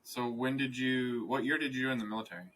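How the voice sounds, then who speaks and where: A man's voice: mid-range voice, steady tone, fairly quick, crowd noise. A man co-hosting a podcast, greeting listeners and asking a guest questions in a casual, upbeat way. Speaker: podcast co-host.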